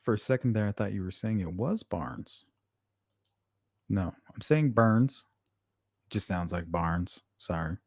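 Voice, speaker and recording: A man with a lowish, mellow voice hosts a relaxed late-night stream. He teases his viewers, jokes, and swears casually. The sound is close and dry, with no room echo. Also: measured pace, pauses often, breathy edge. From Arizona. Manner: joking, teasing, profane. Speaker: live stream host.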